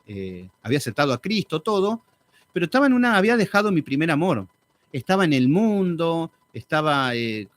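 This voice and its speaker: A man teaching a live Bible study in an animated, sarcastic, conversational way. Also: on the high side.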